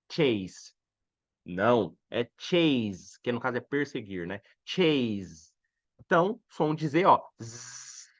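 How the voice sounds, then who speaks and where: A man with a Brazilian Portuguese accent teaching English in a live online lesson, slowly repeating each word twice and chatting with viewers. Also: on the high side, lo-fi sound. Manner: chatty, animated explaining to viewers.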